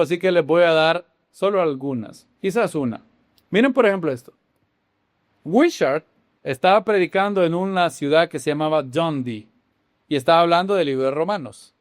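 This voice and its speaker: A male Bible teacher, preaching in an animated way. His pitch climbs and falls across a wide range and sits a little above the usual for a man. The sound is close and dry, with no room echo. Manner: animated, with sudden swings between loud exclamations and hushed dramatic lines; asks the audience questions. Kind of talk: sermon-style teaching.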